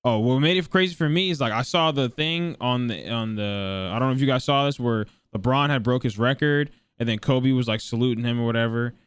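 Young man, podcast co-host, rapid speech, crisp clear voice, joking manner. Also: medium pitch, no room sound, studio quality. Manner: fast, joking storyteller. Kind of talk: casual chat.

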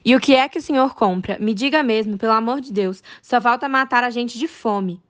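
Woman as a sly young maid, cajoling, fairly high voice, stage play. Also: fairly quick, lightly acted. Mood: teasing. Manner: teasing, cajoling. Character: shrewd young female maid, quick-tongued.

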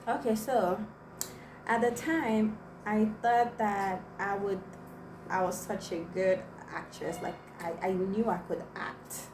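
A young vlogger whose first language is Igbo speaks slowly to her viewers, sharing a personal story with many fillers. Her mid-range voice has fairly even intonation. The sound is noisy and echoey, captured from a distance.

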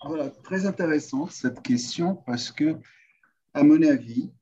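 Slow, halting Brazilian man speaking French. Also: fairly high pitch, dark tone, dull audio, a little hiss or hum. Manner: halting, repeats words while searching. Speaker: student.

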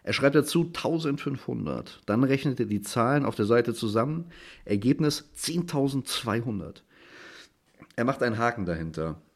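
A man reading his own literary short story aloud in a dry, measured way. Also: mid-range voice, expressive. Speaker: author reading at a literary stage.

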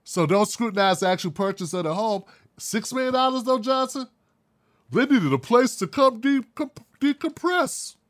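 A man with a fairly high-pitched voice delivers a blunt, heated opinion monologue. He rants in casual, profane talk and mocks others in quick put-on voices. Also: animated, fairly bright tone. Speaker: commentary show host.

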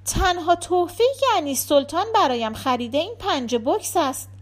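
A woman's voice: high-pitched, lively intonation, pitched above the performer's own voice. A woman voicing an odd, cocky middle-aged man who speaks bluntly. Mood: offhand.

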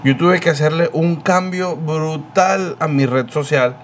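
A man's voice: a little high, measured pace, a little hiss or hum. A man hosting a casual podcast chat, rambling and correcting himself as he goes. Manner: animated, rambling, self-correcting. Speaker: podcast host.

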